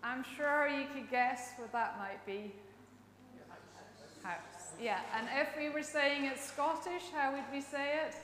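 A woman with a Dutch accent leads a lively all-age church talk in a fairly high voice. She is playful and chatty, and often quizzes her listeners. Her voice rings through a big church with a long, echoey tail. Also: measured pace. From Netherlands. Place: church sanctuary.

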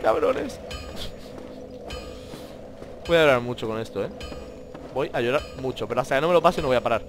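A man with a Spain Spanish accent giving excitable let's-play commentary, swearing a lot and talking to the enemies on screen. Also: mid-range voice, moderate pace, over music. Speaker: gamer playing a video game.

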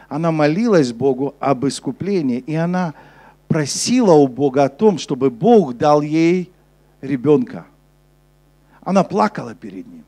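A young man preaching a sermon on a church stage with a handheld mic, switching between emphatic urgency and a soft, low delivery. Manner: preaching with rising intensity, then dropping soft and low for scripture. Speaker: pastor. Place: church stage before a congregation.

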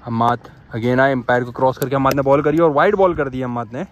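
In a muffled recording, a medium-pitched young man from Pakistan talks at a quick pace. He's doing live, phone-filmed commentary on a street cricket match at a dirt ground, with repetitive excited play-by-play and shouts toward the umpire.

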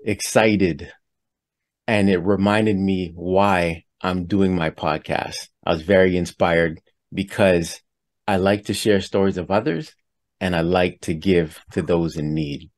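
A man's voice: low-pitched, steady tone, slow pace. A man hosting a podcast interview, introducing his guest and asking questions in an earnest, friendly way. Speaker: podcast host. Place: home studio. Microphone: headset with studio mic.

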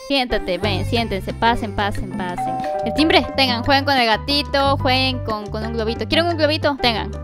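A woman with a high voice gives playful, animated commentary on a horror game. She talks to the characters and her viewers and breaks into shrieks, with game music playing clearly behind her. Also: normal speed, few pauses. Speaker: gaming YouTuber.

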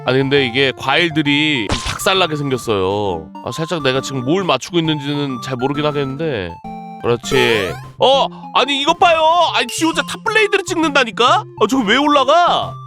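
A woman's voice: sits low, sing-song, a little fast, over music. A woman streaming a casual game, giving playful commentary and scolding the game pieces as if they were children.

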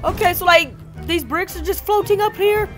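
A woman's voice: extremely high pitch, moderate pace, a bit bright, faint music behind. A woman voicing an eager, bewildered little cartoon plumber hero who exclaims constantly, in a silly mismatched amateur redub of a film. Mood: casual, wondering.

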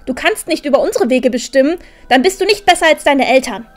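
An actress plays a proud, sharp-tongued, defiant teenage girl in a fantasy audio drama, sounding pointed, haughty, and indignant. Her voice is high and animated, and she talks fast.

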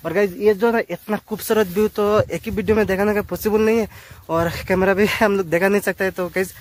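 Holding his phone out on a selfie stick, a young man in his twenties narrates a casual travel vlog, excitedly talking to his audience from blustery hilltops and a swaying bridge. He speaks fairly quickly in a high voice, and the wind is clearly audible.

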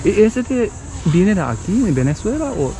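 A man's voice: high-pitched, very animated, normal speed, rough recording. A man in his thirties with a Japanese accent, chatting casually to a handheld camera as a vlogger, playful and exclamatory, often repeating short phrases. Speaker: travel vlogger and channel host. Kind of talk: casual vlog chat. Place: outdoors on streets and zoo paths. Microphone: handheld action camera at arm's length. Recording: outdoor recording with background noise.

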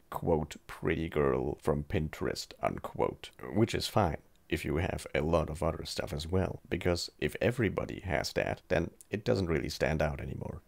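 A man's voice: very deep voice, vocal fry. A man with a sore, swollen jaw narrating a scripted art tutorial in a casual, direct manner. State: sore, swollen jaw after recent surgery. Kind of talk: scripted video essay narration.

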